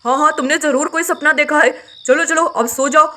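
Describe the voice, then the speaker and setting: A woman's voice: high voice, fairly even intonation, brisk, bright, forceful tone. A woman voicing a sleepy husband in a doll story, grumbling and dismissive, a little off-mic. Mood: drowsy. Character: drowsy husband woken at night, man.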